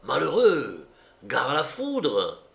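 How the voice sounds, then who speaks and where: A man's voice: medium pitch, unhurried, bright, forceful tone. A man voicing a pompous, stern leader of a hunting party who talks in a commanding way in a storybook reading. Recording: roomy echo.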